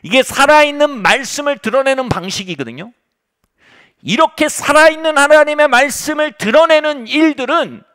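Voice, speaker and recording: A man's voice: very high voice, fairly bright tone. A middle-aged male pastor preaching a revival sermon, telling a story with humor.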